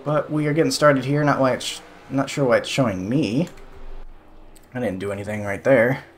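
A man's voice: mid-range voice, normal speed, a little hiss or hum. A young man giving casual, sarcastic commentary over a sim racing replay, exasperated at the calls.

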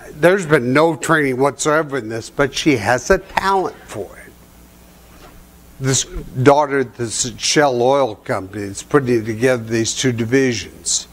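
An older man giving a seminar talk in a hotel conference room, with a folksy storytelling manner, chuckling at his own stories. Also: mid-range voice. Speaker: seminar presenter.

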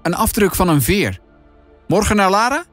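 A man voicing a cheeky, adventurous teenage girl in a storybook reading, breezy and bright. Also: high voice, very animated, moderate pace, no room sound, faint music behind, pitched above the performer's own voice, exaggerated voice. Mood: eager.

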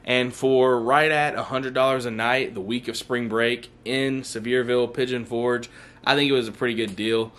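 A man's voice: mid-range voice, steady tone, normal speed, fairly bright tone. A young man, chatting casually to camera in a travel vlog, upbeat and full of fillers. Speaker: vlogger.

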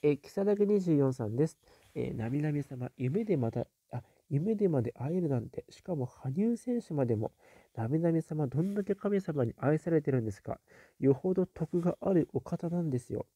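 A man hosting a casual live stream, reading viewer comments aloud and musing on them with soft little fillers. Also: fairly high pitch, lively intonation, normal speed, husky, no echo.

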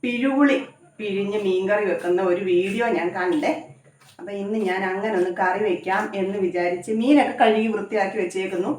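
A cooking vlogger chats and rambles to her camera while making food at home, frequently adding tag questions as little check-ins. Her voice is mid-pitched for a woman, fairly quick and darkish, heard from a phone camera some distance away in an echoey kitchen. There is slight background noise.

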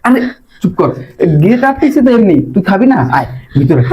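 A man playing a fast-talking, coaxing schemer. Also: high voice, big pitch swings, rough recording. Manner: coaxing, insistent and hushed. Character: scheming young man luring a madwoman.

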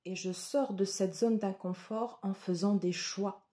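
A woman giving a tarot reading to her viewers, slow and hesitant with many fillers. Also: medium pitch, steady tone, warm tone. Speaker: tarot reader.

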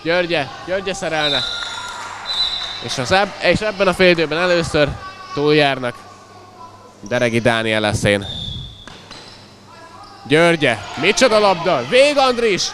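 A man giving excited live sports commentary in an animated way, exclaiming and calling out players' names. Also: a little high, pauses often. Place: indoor school sports hall during a match. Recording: noisy echoing crowd, live match sound. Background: loud crowd and bouncing ball.

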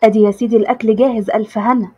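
A woman voicing a polite, gentle young woman speaking kindly in an Egyptian accent. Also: a little high, steady tone, racing, breathy edge. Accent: Egyptian Arabic. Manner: polite, soft.

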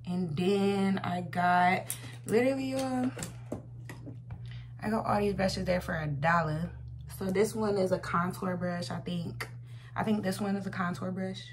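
A woman's voice: lowish voice, steady tone, unhurried. A woman in her twenties with an American accent, chatting informally and slangily as a makeup vlogger. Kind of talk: casual chat, makeup tutorial. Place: small room at home, indoors. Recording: noisy home recording with hum.

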